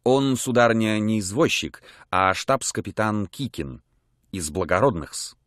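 A man's voice: on the low side, expressive, a little slow, fairly bright tone, no echo. A servile hotel keeper, performed by a male reader in an audiobook. He grumbles deferentially and rambles on. The recording is dry and close. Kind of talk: audiobook character voice. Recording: dry close studio mic.

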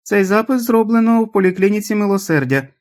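A squeaky, mechanical answering machine, as a male reader puts it on, repeating its recorded message. The voice is pitched high and sounds flat and automatic. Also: quick pace. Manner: flat, repetitive recorded announcement.

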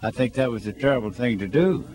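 An older man speaking in a plain-spoken, deliberate way into a handheld mic in a shopping mall. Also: mid-range voice, expressive, a little mellow, a little hiss or hum. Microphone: handheld mic held by interviewer.

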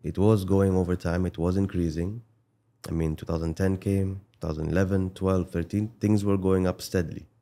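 Male guest, 40s, low dark voice; measured, hedged recollections on a desk mic. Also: level tone. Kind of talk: conversational interview. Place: studio set with desk. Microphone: desk boom mic.

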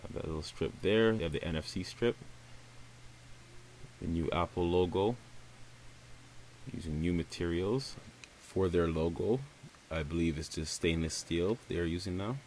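A tech reviewer with a very low voice narrates a casual phone unboxing, relaxed and upbeat, calling his audience "guys" and speaking close to the mic. He moves at a moderate pace with long pauses, and the low-quality recording has a faint hum underneath.

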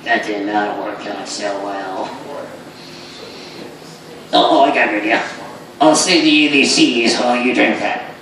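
A man's voice: medium pitch, fairly even intonation, measured pace, pauses often, lightly acted. A man voicing a brash, wisecracking puppet creature in a live ventriloquism act, speaking with his lips barely moving. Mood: joking. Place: small indoor comedy stage, filmed from the audience. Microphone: stage mic picked up by far camera. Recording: echoey noisy hall, distant camera mic.

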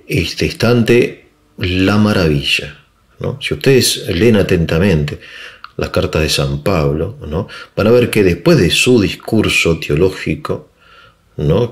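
A middle-aged man gives an informal philosophy lecture, with many fillers and tag questions. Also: low voice. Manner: conversational, often adds tag questions; digressive with frequent fillers.

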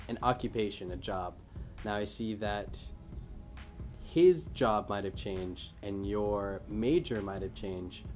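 A woman interviewer asking questions off camera, steady and with occasional ums. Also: a bass voice. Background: background music.

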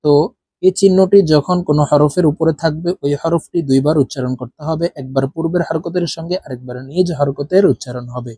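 A man teaching Quran reading, spelling out letters and vowels slowly so learners can repeat after him. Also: on the high side, dark tone, breathy edge, no echo. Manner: slow, drawn-out spelling of each letter and vowel. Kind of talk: spelling-out recitation lesson.

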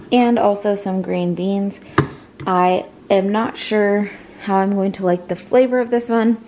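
A woman's voice: mid-range voice, mellow, a little hiss or hum. Chatty woman filming her home kitchen. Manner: chatty, talks while cooking, many restarts. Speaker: home cook vlogger. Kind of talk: casual cooking vlog narration.

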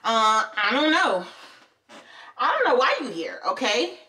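Playful, lively young woman vlogger. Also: a little high, a little slow, far from the mic. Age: young adult. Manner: playful, rambling, laughing often; talks with her eyes closed. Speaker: beauty vlogger. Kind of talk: casual chat to camera.

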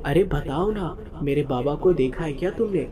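A man's voice: a little high, normal speed, crowd noise, lightly acted. A man voicing a lost ghost boy who pleads faintly as he searches for his father. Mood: eerie pleading.

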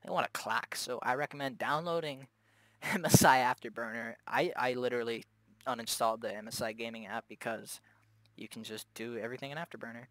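A man's voice: mid-range voice, steady tone, brisk, a bit bright, dry recording. A young man casually talking through graphics card overclocking at home, laid-back and chatty with lots of fillers and the odd swear. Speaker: tech video host. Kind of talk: casual unscripted tech commentary. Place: home gaming setup with loud fans.

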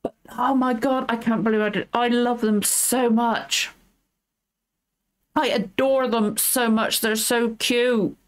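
A young woman, hosting a reaction video and chatting casually in a gushing, effusive way with quick asides. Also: fairly high pitch, steady tone.

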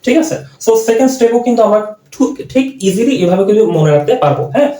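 A man's voice: very high-pitched, animated, fast talker, warm tone, reverberant. A man teaching an exam-prep grammar lesson, repeating points and answering his own questions step by step.

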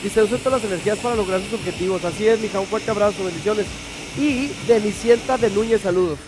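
Chatty high-voiced TV host. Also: male voice, steady tone, racing, background noise. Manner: chatty, affectionate, reads viewer messages aloud. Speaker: morning show host. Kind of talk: casual live TV chat.

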